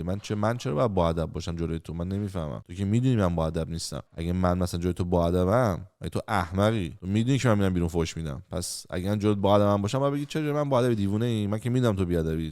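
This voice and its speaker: A man's voice: sits low, a little mellow, clear, resonant tone, no room sound, clean studio sound. A man chatting casually as a podcast host, telling stories animatedly and acting out the people he quotes. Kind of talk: casual chat.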